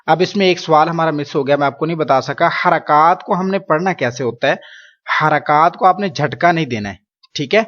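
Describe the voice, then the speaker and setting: A man teaching a Quran reading lesson, patiently explaining rules and slowly drawing out each syllable for learners to repeat. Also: fairly high pitch, fairly bright tone, muffled recording. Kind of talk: recorded spoken lesson.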